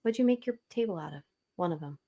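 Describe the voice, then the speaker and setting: A woman with a South Jersey accent chatting casually on a podcast about her husband's hobby, playful and quick to laugh. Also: fairly low pitch, animated, mellow. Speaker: podcast guest, host's wife. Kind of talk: casual chat.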